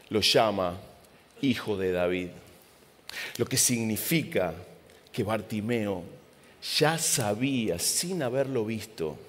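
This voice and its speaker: A male preacher retelling a Bible story dramatically in a sermon. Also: fairly low pitch. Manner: dramatic, repetitive retelling with vivid sound words. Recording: long hall reverb.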